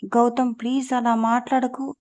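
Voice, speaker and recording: A woman's voice: fairly high pitch, little pitch movement, normal speed, darkish tone, close to an everyday voice. A woman reading a storybook part of a heartbroken young woman who pleads through tears. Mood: tearful pleading. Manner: tearful, pleading.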